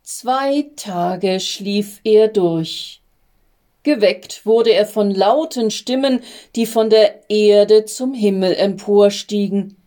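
A woman narrating a storybook in a gentle, unhurried storytelling manner. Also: mid-range voice. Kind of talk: storybook reading.

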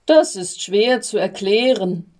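A woman voicing a patient male archangel in a storybook reading, with a calm, measured, reassuring manner. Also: mid-range voice.

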